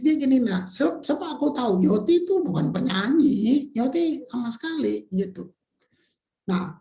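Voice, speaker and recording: A man's voice: high-pitched, vocal fry, dark tone. A male pastor preaching an informal sermon, talking conversationally, exclaiming and repeating words as he searches for them. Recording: roomy hall echo.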